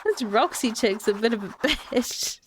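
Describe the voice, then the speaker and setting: Chatty woman streamer, slightly high voice. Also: expressive, a little slow, slight background noise. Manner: chatty, giggly asides. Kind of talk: casual let's-play commentary.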